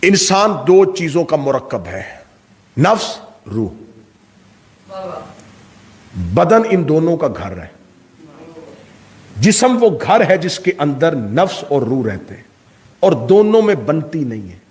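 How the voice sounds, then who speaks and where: A male Shia cleric giving a majlis sermon, oratorical and full of rhetorical questions, swinging from loud peaks to hushed asides. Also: a little high, very animated, long pauses. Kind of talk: majlis sermon to a live congregation.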